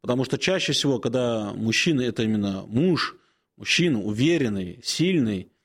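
A man in his forties, an Orthodox priest on a call-in show, answering questions slowly with many hesitant pauses and gentle advice. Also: medium pitch, lively intonation. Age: 40s.

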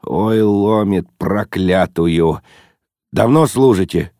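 A man voicing a grumpy old father with a bandaged head who talks gruffly, sighing and groaning. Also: low voice, slow, warm tone, dry recording, clean studio sound.

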